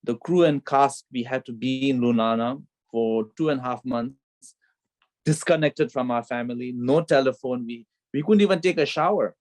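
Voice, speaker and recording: A middle-aged Bhutanese film director speaks in a mid-range, slightly mellow voice at a moderate pace, with no room sound. On a video call from home, children nearby, he earnestly tells his story in a reflective remote interview, often repeating phrases and saying "you know."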